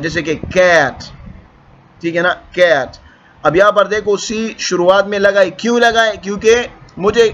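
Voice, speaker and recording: A man's voice: sits high, a bit bright. A man teaches English letter sounds in a classroom-style lesson, explaining patiently and repeating himself often. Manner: patient, repetitive explaining with frequent "theek hai". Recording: dull lo-fi with faint background noise.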